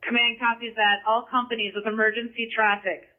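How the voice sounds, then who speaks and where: A man's voice: high voice, flat delivery, fairly quick. A man speaking as incident commander in urgent firefighter radio traffic, clipped and procedural, over a two-way radio. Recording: tinny, narrow-band radio scanner feed.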